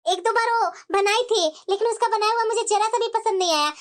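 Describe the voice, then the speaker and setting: A meddling, bossy mother-in-law from a family cartoon, her voice pitched very high. She nags and lectures in a scolding, know-it-all way, as a woman acts her out. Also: fast talker. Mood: praising. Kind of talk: cartoon voice acting.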